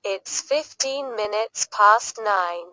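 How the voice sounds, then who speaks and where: A woman reading short everyday English sentences for beginners, saying each one twice, clearly and deliberately. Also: medium pitch, bright, forceful tone, no echo. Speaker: English teacher. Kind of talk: slow repeated phrase drills for learners.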